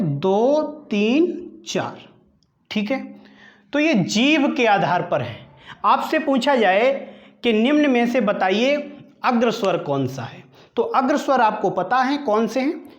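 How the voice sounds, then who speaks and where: Slow, lively-voiced Hindi grammar teacher. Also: male voice, very high voice, reverberant, dull audio. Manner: asks quiz questions and answers them himself, repeating terms; slow, deliberate drilling of each item. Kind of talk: exam-prep classroom lesson.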